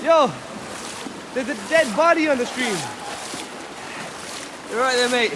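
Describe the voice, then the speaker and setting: Dude vlogging a canyon hike, excitable and jokey, kinda breathless, water roaring behind. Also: male voice, extremely high pitch. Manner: excitable, joking, increasingly hyped. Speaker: travel vlogger. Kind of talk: casual adventure vlogging. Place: outdoors in a river canyon. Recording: loud rushing water noise. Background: rushing water.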